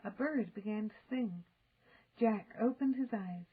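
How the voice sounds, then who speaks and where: An older woman reading a children's story aloud in an expressive, deliberate storytelling manner. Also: mid-range voice, breathy edge, narrow, tinny audio. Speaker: storybook reader. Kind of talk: expressive children's audiobook narration.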